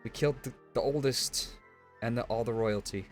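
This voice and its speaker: A man's voice: medium pitch, moderate pace, soft background music, close to an everyday voice. A man playing Daong, an earnest frog envoy.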